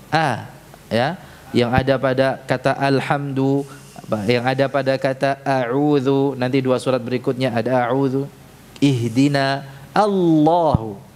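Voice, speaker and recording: A man teaching correct Quran letter pronunciation in a mosque, speaking slowly and patiently and leading the class in repeating sounds. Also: medium pitch. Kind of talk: tajwid lesson in a mosque. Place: mosque prayer hall. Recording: reverberant hall, faint room noise.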